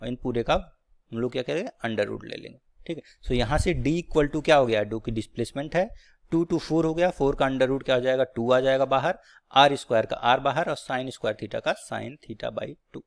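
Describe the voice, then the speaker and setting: A man's voice: medium pitch, moderate pace, gravelly. A man teaching a physics class at a board, working through each step and often checking in with his students. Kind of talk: blackboard physics lecture.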